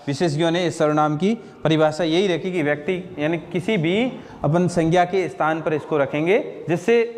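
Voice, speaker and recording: A man's voice: fairly high pitch, long reverb tail. A man teaching Hindi grammar in a classroom lecture, often asking his students questions and answering them himself. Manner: asks and answers own questions, repeats "ठीक है ना?".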